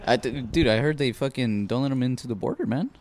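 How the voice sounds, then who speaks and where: Male podcast guest, mid-pitched, relaxed and profane. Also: fast talker. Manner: laid-back, swears, says "dude" a lot. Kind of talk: casual podcast chat.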